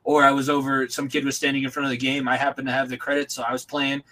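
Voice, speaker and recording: A man's voice: medium pitch, completely flat delivery, quick pace, pushed and bright, rough recording. A young adult man hosting a casual podcast, talking earnestly and reflectively about teaching, with rambling restarts.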